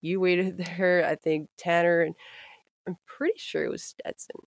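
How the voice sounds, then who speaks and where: A woman's voice: fairly low pitch, measured pace, creaky, no room sound, clean studio sound. Profane woman telling a story. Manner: profane, laughing, animated anecdotes. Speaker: podcast host. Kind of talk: casual storytelling chat.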